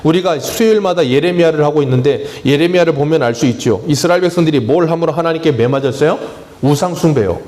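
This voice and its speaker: A male pastor with a fairly high, slightly mellow voice delivers a quick-paced sermon in a church sanctuary. His style is plain and conversational, sprinkled with humor, as he keeps asking the congregation questions and answering them himself.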